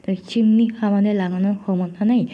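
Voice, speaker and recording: A woman with a hoarse voice after a cough, narrating her home cooking vlog in a homely, chatty way to her viewers, with many fillers. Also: medium pitch, steady tone, fast, lo-fi sound. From India. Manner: homely chatty talk to friends, frequent fillers. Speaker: cooking vlogger.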